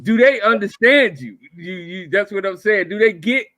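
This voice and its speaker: A man in his forties with a notably high voice, asking teasing, probing questions in a casual podcast chat. The sound is dry and close. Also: animated, normal speed, bright, forceful tone, dry recording. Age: 40s.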